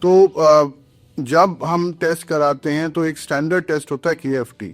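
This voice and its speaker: A man's voice: fairly high pitch, steady tone, normal speed, no room sound, faint music behind. A man who is a doctor, explaining kidney health earnestly on a podcast, switching between Hindi and English phrases.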